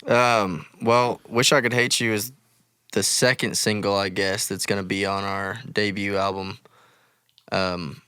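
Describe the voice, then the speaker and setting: A low-pitched man talks through his songwriting approach. His voice is very smooth and resonant, with a bright edge. He speaks casually and thoughtfully, in a dry, close recording. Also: level tone, measured pace, no room sound. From West Texas. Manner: thoughtful, explains with many "like"s. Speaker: guest musician. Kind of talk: casual interview chat.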